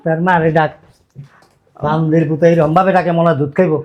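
Gruff scolding man with a high voice. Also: level tone, quick pace, muffled recording. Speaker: father in a family drama. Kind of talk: rural Bangladeshi village drama acting.

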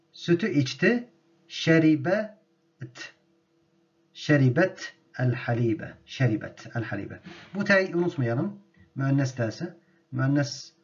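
A male teacher leads a grammar lesson at an unhurried, measured pace, saying each word twice so it sinks in. His voice sits at an ordinary middle pitch. The recording sounds dull and muffled, like lo-fi audio. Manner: slow and deliberate, repeating each word for drilling. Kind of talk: grammar lesson with spoken drills.

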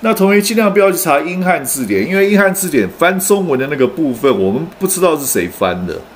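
A man giving an online English pronunciation lesson. He explains patiently with frequent "oh" fillers and models each word slowly. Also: on the high side, big pitch swings.

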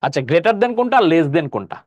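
Man, Bangladeshi Bengali accent, live online math lesson, very lively pitch, dry close sound. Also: a little fast, dry recording, highs cut off. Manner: explains step by step, keeps asking "clear?". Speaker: math teacher.

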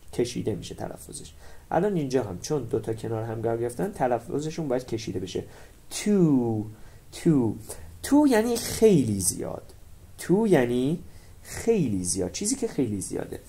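A male teacher with a Persian accent walks through an English grammar lesson. His voice swings widely in pitch as he stresses and repeats each English word. His tone is dark and mellow. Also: slightly rough. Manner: animated, stresses and repeats English words for pronunciation.

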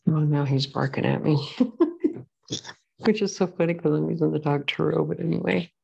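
Low-voiced woman giving a chatty tarot reading. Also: fairly even intonation, fast talker, vocal fry, a little mellow, slightly rough, lo-fi sound. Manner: chatty and rambling, apologetic asides. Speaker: tarot reader. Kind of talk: casual pick-a-card reading. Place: at home with a pet bird.

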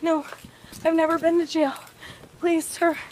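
A drunk woman with a strikingly high voice begs and sobs, her words repeating in tearful pleas. She is recorded from a police body camera with a faint hiss behind her. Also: level tone, measured pace, a little mellow, poor audio. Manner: pleading, begging over and over. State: intoxicated, crying. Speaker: arrested woman. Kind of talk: body cam encounter with police. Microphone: officer's body camera.

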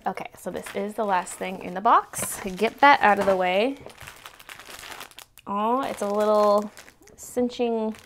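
A woman's voice: mid-range voice, a little slow, pauses often, fairly bright tone, slight background noise. A young adult woman chatting casually through an unboxing, gushing and exclaiming over cute things. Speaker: unboxing video host. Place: indoors, tabletop product shoot, speaker off camera.

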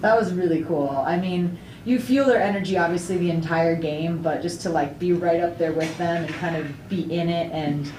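A young woman, a soccer player, answering questions at a post-game press conference in a chatty, upbeat way, full of fillers and quick laughs. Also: on the low side, darkish tone. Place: indoor press room before a sponsor backdrop. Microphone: table mic on a stand, camera at a distance. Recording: echoey room, distant mic, faint noise.

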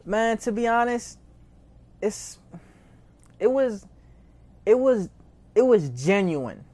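A nineteen-year-old record label founder, born in Haiti and raised in Maryland from age seven, speaks with an American accent as an interview guest. His high-pitched, darkish voice swings widely in pitch and he takes it slowly. He talks casually and slangily, often repeating phrases.

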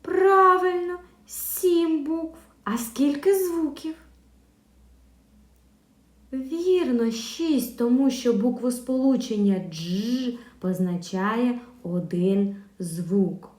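A woman teaching a video lesson to young pupils, speaking clearly with pauses for answers and a sing-song teacher manner. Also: on the high side, dark tone. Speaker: primary school teacher. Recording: echoey room.

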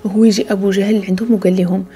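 A woman with a Moroccan Arabic accent telling a religious story in a soft voice that often slips into a hushed whisper. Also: medium pitch, little pitch movement, racing.

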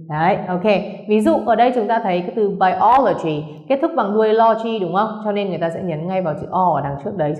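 A woman English teacher explaining to students, patiently checking understanding and slowing down for English words. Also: on the low side, roomy sound, muffled recording. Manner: patient, keeps checking understanding with tag questions; switches between slow spelled-out English and quick explanation.

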